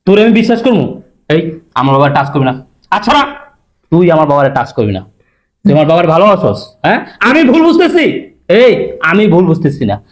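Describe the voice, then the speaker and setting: A man's voice: high-pitched, sing-song, quick pace. A man playing a furious young husband. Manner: agitated, accusing. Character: young husband enraged on learning of abuse. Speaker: actor playing an angry husband. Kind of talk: melodramatic short-film acting.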